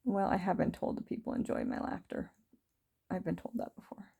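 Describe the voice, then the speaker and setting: A woman in her thirties talking through her feelings in a rambling, reflective video diary, full of fillers and soft laughs. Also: lowish voice, wildly swooping pitch, fairly quick, creaky, husky. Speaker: vlogger. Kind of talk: reflective personal diary talk.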